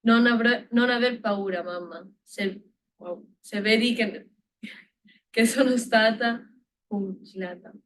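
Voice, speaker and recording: A woman's voice: on the high side, takes it slowly, a bit bright, low-quality recording. A woman from Italy, a student, reading a poem aloud in class, earnest and stumbling over words. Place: lecture room.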